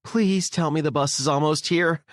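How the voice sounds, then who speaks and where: A man's voice: fairly high pitch, normal speed, no echo, pitched above the performer's own voice, lightly acted. A sleepy, grumpy woman complains in a lifted, whiny voice, played by a male audiobook narrator. The sound is close and dry with no room. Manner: grumbling, drowsy. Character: tired young woman, grumpy actress.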